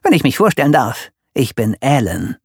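A man's voice: medium pitch, sing-song, normal speed, darkish tone, husky, dry recording, studio quality. A man voicing a grumpy, boastful self-declared villain in a children's story, ranting and dramatic.

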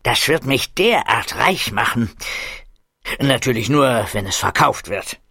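Brief: greedy, secretive lab scientist in a storybook, gloating and lively, read by a male narrator. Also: mid-range voice, a little slow, creaky, breathy edge, no echo, clean studio sound, heavily acted. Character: scheming middle-aged male scientist uncle, greedy and excitable.

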